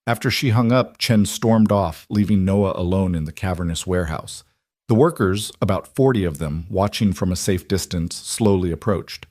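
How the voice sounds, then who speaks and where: A man narrating a scripted story in an even, measured reading. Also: low voice, no echo, studio quality.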